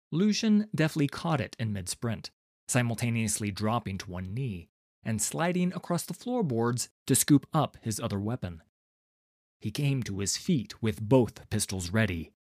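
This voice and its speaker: A man reading a fantasy story aloud as narrator, with a dramatic, expressive delivery. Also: medium pitch, dry recording, studio quality.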